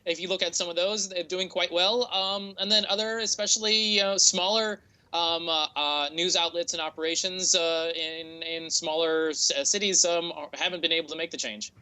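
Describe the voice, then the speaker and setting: A man's voice: fairly high pitch, steady tone, normal speed, hardly any pauses, pushed and bright, clean tone, poor audio. A man with a standard American accent explaining things as an interview guest, often hesitating and repeating words as he thinks. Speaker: interview guest, tech entrepreneur.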